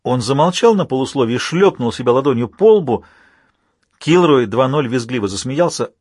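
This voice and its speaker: A male audiobook narrator with a husky, slightly rough voice at a middle pitch. He reads steadily and evenly, recorded close in a dry, dead room. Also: animated, moderate pace, darkish tone, no room sound. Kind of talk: scripted narration.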